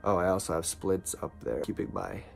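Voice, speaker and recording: Low-pitched man, stuffy with nose packing. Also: fairly quick, creaky, soft background music. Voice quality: congested, blocked nose from nose packing after surgery. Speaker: vlogger. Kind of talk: casual video diary.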